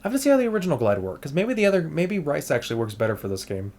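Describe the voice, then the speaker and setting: A man streams an emulator test and chats casually, rambling with many restarts and mentioning that he's losing his voice. His voice is fairly high and a little mellow, with a sing-song lilt, and he talks very fast.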